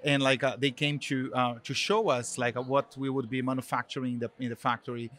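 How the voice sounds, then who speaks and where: A middle-aged Brazilian marketing executive, a native Portuguese speaker with a Brazilian accent, appears as an interview guest and rambles loosely through answers full of fillers. His medium-pitched voice is fairly quick and fairly bright, with fairly even intonation.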